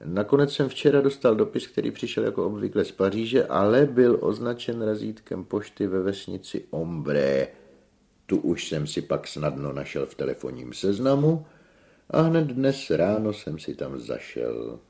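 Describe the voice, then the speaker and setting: A man reading a story aloud, voicing a flamboyant, self-important male opera singer in a loud, theatrical way. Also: fairly low pitch, lively intonation, gravelly, pitched above the performer's own voice. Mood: pompous. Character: flamboyant vain male opera tenor, grand.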